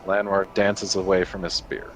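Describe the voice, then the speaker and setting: Deep-voiced male game master, patient rules explainer, colorful combat narrator, light music bed. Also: level tone, moderate pace. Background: soft background music.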